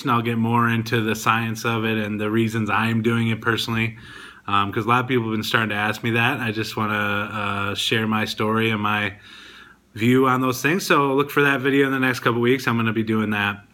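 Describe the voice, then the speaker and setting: A man's voice: mid-range voice, bright, forceful tone. A man hosting his own video podcast, talking casually and rambling a bit with frequent ums. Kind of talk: casual diet vlog talk.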